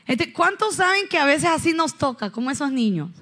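Woman, pastor, high-pitched, animated storyteller, church sermon, questions to listeners. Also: a little fast.

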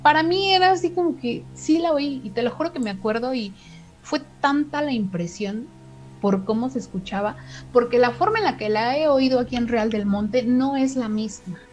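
A middle-aged woman with a Mexican accent tells a story in a relaxed chat. Her voice sits a little high, and she acts out each quoted line with lively changes of voice. Soft music plays faintly behind her. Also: moderate pace, low-quality recording.

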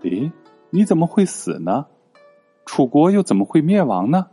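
A man doing a bold, lively young king. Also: fairly high pitch, normal speed, slightly rough, faint music behind, voice pushed up, heavily acted. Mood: puzzled. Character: young male king, playful then resolute.

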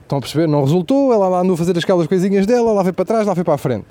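Rapid, profane Portuguese comedian. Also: male voice, high voice. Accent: European Portuguese. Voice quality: profane, animated storytelling with asides. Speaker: comedian host. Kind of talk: stand-up comedy monologue.

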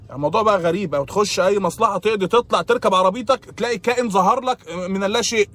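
A man's voice: high-pitched, very fast, fairly bright tone. A man with an Egyptian accent, delivering a comedic monologue in an exasperated, sarcastic complaining tone. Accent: Egyptian Arabic.

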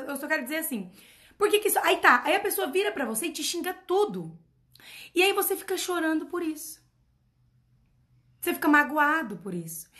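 With a high, bright, pushed voice, a woman mentors her followers through an emphatic motivational talk. She is a personal development mentor who keeps repeating her points and asking rhetorical questions.

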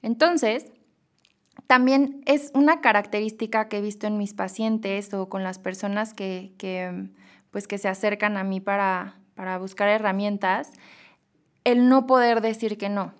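A young adult woman with a Mexican Spanish accent, a clinical psychologist hosting a casual podcast monologue, chatty and animated, acting out quoted dialogue with a raised voice. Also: mid-range voice, measured pace.

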